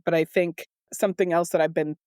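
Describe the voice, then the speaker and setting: A middle-aged woman from Southern California co-hosting a casual podcast, her mostly steady voice turning shaky at moments from a cold. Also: lowish voice, a little fast, clean tone, dry recording, studio quality. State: congested with a cold, slightly shaky voice. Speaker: podcast co-host.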